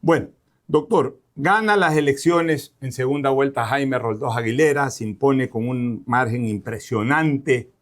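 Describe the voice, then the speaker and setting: A man's voice: medium pitch, measured pace. A man from Ecuador hosting a radio interview, asking direct, pressing questions.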